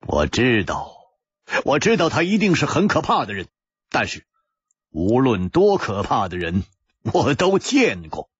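A man voicing a calm, wise male swordsman hero in a pingshu audiobook, speaking in a measured, weighty way with sighs. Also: medium pitch, slightly rough, no room sound, muffled recording, heavily acted. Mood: earnest. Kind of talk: pingshu storytelling.

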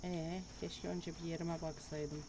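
A woman's voice: on the low side, flat delivery, measured pace, heavy background noise. A woman commenting casually on her own game play, muttering to herself, swearing and getting panicky. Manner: talks to herself, swears, panics and yells when chased. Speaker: gamer streamer.

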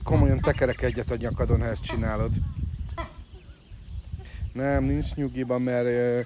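A man's voice: medium pitch, flat delivery, dull audio, very noisy. A man calling and coaxing his farm animals in a casual live stream, chatting to viewers outdoors. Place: outdoors in a farmyard. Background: birds and chickens.

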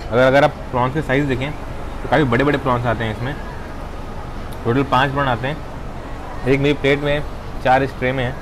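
Young male food vlogger, 20s, easygoing tasting chatter, mid-pitched, lapel mic with clear outdoor traffic noise behind. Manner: relaxed, savoring, pauses to chew. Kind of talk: casual food tasting vlog. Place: outdoor rooftop restaurant terrace.

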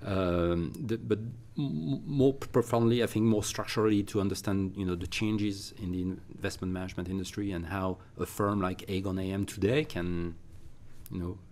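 A man with a low, darkish voice and fairly even intonation interviews a guest at normal speed in a recording studio. As an interviewer and consultant, he talks conversationally with many fillers and restarts, and slight background noise is present.

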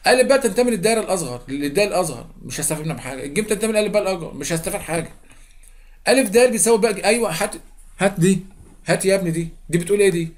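Young Egyptian male teacher, rapid and higher-pitched, casual lesson talk that quizzes the class. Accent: Egyptian Arabic. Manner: quick, chatty, repeats steps and quizzes students. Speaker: math teacher. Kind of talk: geometry lesson explanation.

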